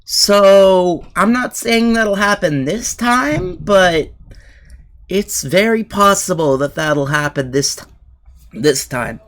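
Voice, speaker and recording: Excited young man streaming live. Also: high voice, slow pace. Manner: excited, rambling with many fillers.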